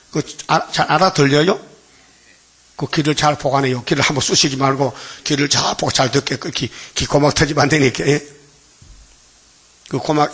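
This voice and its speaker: A man's voice: on the high side, a bit bright, slightly rough. An older man preaching a dawn worship sermon as pastor, emphatic, acting out biblical voices and prodding his listeners with repeated questions.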